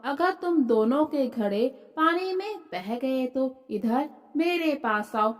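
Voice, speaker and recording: Storybook role: a generous old grandmother, read by a woman, slow and high-voiced. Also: lively intonation. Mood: kindly. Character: kindly old village grandmother.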